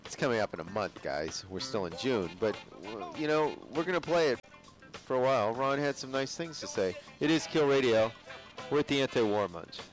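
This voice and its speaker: A man's voice: mid-range voice, expressive, fairly quick, soft background music. A man hosting community radio, talking in a loose, rambling way with fillers. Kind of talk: casual radio chat.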